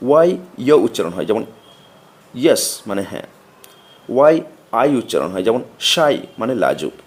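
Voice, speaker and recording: Man reciting a grammar lesson, lively pitch. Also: husky. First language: Bengali. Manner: slow, methodical recitation of letters and meanings. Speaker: teacher. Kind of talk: reading a grammar lesson aloud.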